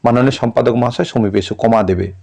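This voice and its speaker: A man's voice: medium pitch, quick pace, creaky, dark tone. A male tutor who reads out exam answers and explains them, breaking words into syllables like a teacher. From West Bengal.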